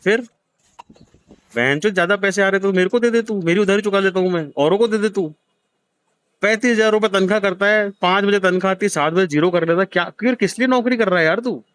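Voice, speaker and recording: A man's voice: high-pitched, quick pace, a bit bright, clear, resonant tone. A man in his thirties, hosting, gives a blunt, profane scolding to a gambler in a harsh heart-to-heart lecture. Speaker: host counseling a gambler.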